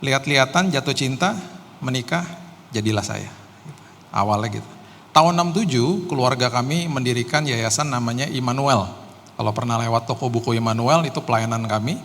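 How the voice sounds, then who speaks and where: A middle-aged man from Jakarta, Indonesia, preaches as a guest pastor during a live service in a church hall. His mid-range, fairly bright voice moves a little fast as he delivers a sermon full of casual personal stories and self-deprecating humour in a conversational way. The hall is reverberant, with faint background noise.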